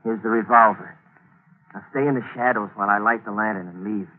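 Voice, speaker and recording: In a 1940s radio drama, a man with a lowish, natural voice speaks a little fast, both narrating and playing the lead, a cool schemer plotting a cover-up. His delivery is clipped and commanding, the mood cold. The recording sounds like a tinny old radio broadcast with hiss.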